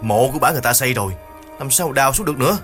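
A man's voice: medium pitch, lively intonation, racing, music in the background, voice pushed up, natural voice. A man voicing a short-tempered older brother, scolding his younger sibling in brusque questions. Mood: irritated, scolding.

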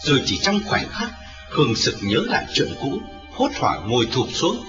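A man narrating a dramatic story, expressive in his storytelling. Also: medium pitch, normal speed. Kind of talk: dramatic audiobook reading. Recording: roomy, lo-fi, distant, with music.

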